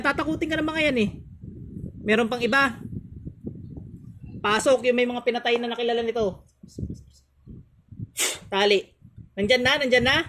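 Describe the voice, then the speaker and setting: A man working as a faith healer, who chants ritual prayers slowly and scolds in a stern, commanding way. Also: very high-pitched, bright, forceful tone. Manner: chanting in slow, drawn-out formulas. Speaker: faith healer performing an exorcism.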